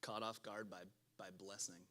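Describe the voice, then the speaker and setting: A man leading a relaxed Bible discussion as pastor, chatty, laughing and breaking off mid-sentence. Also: fairly low pitch, normal speed. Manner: chatty, self-interrupting, laughs often. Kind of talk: conversational Bible study talk.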